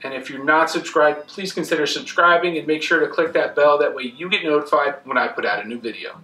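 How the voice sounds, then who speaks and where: Bright-voiced man in an echoey workshop. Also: fairly high pitch, a little fast. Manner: plain, friendly, direct to camera. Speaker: woodworking channel host. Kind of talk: casual on-camera wrap-up. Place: indoor woodworking shop, tool wall. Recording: echoey shop room. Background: faint guitar music.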